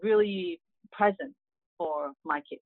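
A woman's voice: fairly low pitch, takes it slowly, dry recording. Middle-aged woman, earnest guest; tinny dry phone audio. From Hong Kong. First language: Cantonese. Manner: earnest, many "you know" fillers. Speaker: guest, real estate agent. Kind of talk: casual interview answers.

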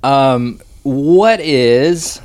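A man's voice: mid-range voice, lively intonation, extremely slow, darkish tone, a little hiss or hum. Laid-back man hosting a casual podcast. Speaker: podcast host. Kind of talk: casual interview questions. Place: indoors at a dining room table at home.

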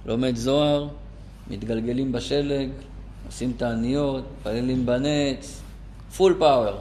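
A man's voice: mid-range voice, fairly even intonation, mellow, a little hiss or hum, voice pushed down, natural voice. A man quoting a smug pious young man. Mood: earnest. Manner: earnest, self-assured. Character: earnest young man who is self-righteous and pious.

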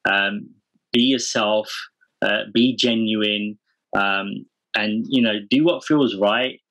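A man with a fairly low, slightly bright voice speaks slowly, earnest and informal, as a guest on a casual podcast interview. He founded a parenting community. The recording is rough.

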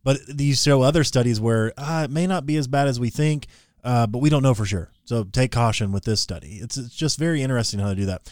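A man co-hosting a casual talk podcast, telling stories with a sarcastic, animated edge. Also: medium pitch, quick pace, no echo, studio quality. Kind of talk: casual conversational discussion.

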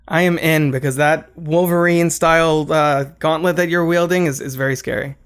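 A man chatting on a podcast, relaxed and rambling. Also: fairly high pitch, moderate pace, clean tone. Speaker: podcast co-host. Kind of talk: casual podcast chat.

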